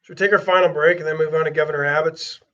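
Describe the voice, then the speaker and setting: A man's voice: a little high, fairly even intonation, very fast, pushed and bright. Man co-hosting talk radio. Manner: conversational, repeats words while thinking. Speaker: radio talk show co-host. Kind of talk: casual chat, reading listener comments. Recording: dull lo-fi sound.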